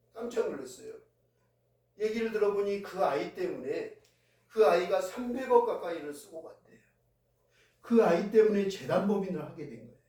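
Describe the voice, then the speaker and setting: A man preaching in a church, his voice pitched high yet soft and mellow. He tells the story in an easy, conversational way. The sound is very echoey, with the voice coming from well back from the microphone. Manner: conversational storytelling, recounting events with feeling. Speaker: pastor. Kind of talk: sermon. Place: church sanctuary. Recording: very echoey hall, voice heard from a distance.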